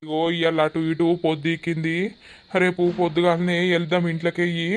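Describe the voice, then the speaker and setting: A man's voice: a little high, monotone, brisk, lightly acted. A worried cartoon villager, voiced by a man speaks in a plain, mid-range voice with a Telangana Telugu accent. He sounds anxious and pleading. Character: worried village man searching for a missing wife.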